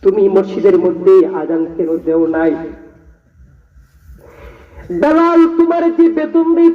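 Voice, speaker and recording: A man, voicing a gentle elderly caliph who asks coaxing questions of his friend. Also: high-pitched. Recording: echoey hall, distant lo-fi mic.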